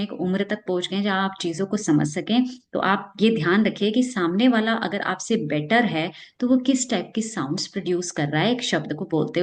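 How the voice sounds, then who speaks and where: A woman teaching English pronunciation in a casual spoken lesson, explaining patiently and repeating practice words slowly. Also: mid-range voice.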